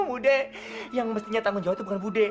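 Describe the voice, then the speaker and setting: A woman's voice: on the high side, big pitch swings, normal speed. An actress playing a whiny, theatrical woman who shrieks, cackles and fake-sobs in a sinetron comedy. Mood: whiny wailing. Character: whiny, theatrical grown woman, fussing and wailing.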